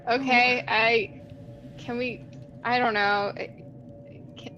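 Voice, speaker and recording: A woman player at a tabletop game, casual and dry, tossing in short remarks. Her bright voice comes through a slightly dull mic. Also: on the high side, steady tone, a little hiss or hum. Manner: dry, quick interjections. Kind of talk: casual tabletop role-play.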